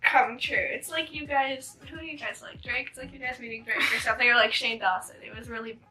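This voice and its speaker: A woman's voice: a little high, steady tone, fairly quick, bright, forceful tone. A woman guest telling a story in a casual, giggly, self-conscious way. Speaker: guest friend. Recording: distant mic with faint music.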